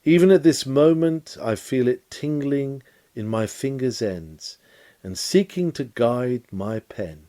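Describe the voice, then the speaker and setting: A man with a soft, mellow voice reads a 19th-century sermon lecture from a script. His intonation is lively, swinging widely as he stresses key words, and his phrasing is measured, formal and oratorical.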